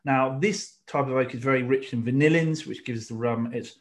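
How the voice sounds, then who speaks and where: Chatting casually about drinks tasting, this middle-aged podcast co-host goes into lengthy explanations with frequent restarts. His voice is mid-range and his pace moderate.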